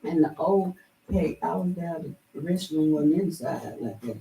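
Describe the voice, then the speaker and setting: A woman's voice: low voice, normal speed, vocal fry, dark tone. An older woman, rambling through memories at a community meeting, often restarting her sentences. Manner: rambling, with frequent restarts and chuckles. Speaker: elder at a community heritage meeting. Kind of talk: casual reminiscing in a group. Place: indoor meeting room. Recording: roomy, from far off, faint background noise.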